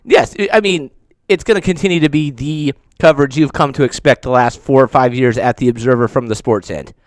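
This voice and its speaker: A man talking sports casually as a guest, halting and stammering as his mouth burns from spicy food. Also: mid-range voice, no echo. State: mouth burning from spicy food, struggling to talk.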